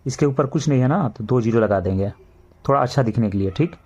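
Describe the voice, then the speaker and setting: A male maths teacher with a Bihari Hindi accent walks children through sums one step at a time. His voice sits at an ordinary middle pitch, and he repeats key points patiently. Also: expressive, a little mellow, highs cut off. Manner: slow, repetitive step-by-step explaining, addresses children. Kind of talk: classroom maths lesson.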